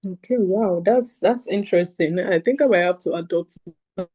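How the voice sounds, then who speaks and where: A podcast host with an upbeat, chatty delivery who leans on easy fillers while asking questions. The voice sits at a middle pitch, and the sound is close and dry with no room echo. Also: moderate pace, dark tone, husky. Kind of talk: casual podcast interview.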